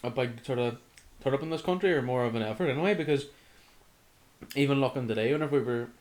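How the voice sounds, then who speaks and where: A man's voice: medium pitch, fast talker. A young man, co-hosting a casual chat in an easygoing way. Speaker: podcast co-host.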